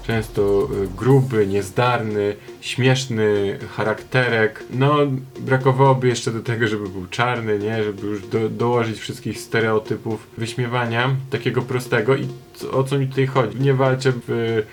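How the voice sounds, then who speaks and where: A young man talks through his commentary in a chatty, digressive way with a sarcastic streak. His pitch stays level and flat, and faint music plays under him. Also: normal speed, few pauses. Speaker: video commentator. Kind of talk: casual commentary.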